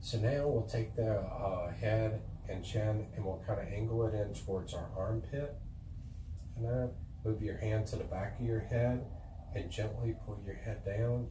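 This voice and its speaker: In a roomy, echoing space, a man with a lowish voice gives calm stretching instructions. He coaches gently and without hurry. The mic sits at a distance, with clear noise behind him. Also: normal speed. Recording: echoey room, distant mic, noisy background.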